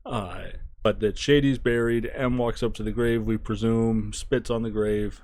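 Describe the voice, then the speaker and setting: A man giving a casual spoken album review, thinking aloud, restarting phrases and trailing off quietly. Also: lowish voice, fairly even intonation, a little slow. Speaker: music reviewer.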